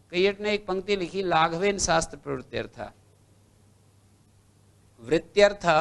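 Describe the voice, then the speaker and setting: A man teaching Sanskrit grammar in a classroom lecture. He recites lines from old texts and then explains them slowly, one step at a time. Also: a little high, gravelly. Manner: slow, recites text then explains, lists letters one by one.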